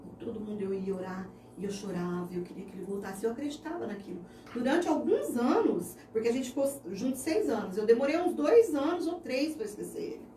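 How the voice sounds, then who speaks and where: A woman's voice: a little high, expressive, fairly quick, few pauses, dark tone. A woman in her thirties with a Brazilian Portuguese accent, giving a heartfelt personal faith testimony as an interview guest. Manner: earnest, heartfelt storytelling. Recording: echoey room, distant mic, faint noise.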